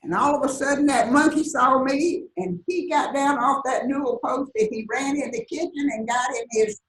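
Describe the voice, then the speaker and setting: A woman's voice: sits high, normal speed. An older woman with a Southern US accent telling folksy stories to an audience and laughing often. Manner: folksy storytelling, frequent laughs. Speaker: guest speaker. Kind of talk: anecdotal talk to an audience. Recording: roomy echo, distant mic, faint hiss.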